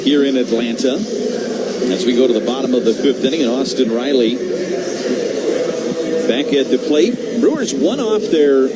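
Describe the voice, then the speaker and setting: A man with a mid-range voice calls live baseball play-by-play on the radio in measured short phrases, adding conversational asides. The live broadcast is clearly noisy.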